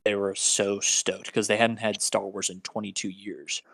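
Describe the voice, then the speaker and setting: A man's voice: on the low side, level tone, moderate pace, vocal fry, a bit bright, husky, no echo. A young man co-hosting a casual podcast chat, rambling with lots of fillers and restarts. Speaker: podcast co-host.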